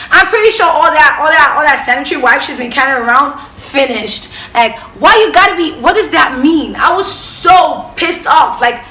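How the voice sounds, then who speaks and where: Bright, high-voiced young Nigerian woman. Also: roomy sound. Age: young adult. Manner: animated storyteller who swings from loud outbursts to hushed asides. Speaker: vlogger. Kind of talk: storytelling to camera.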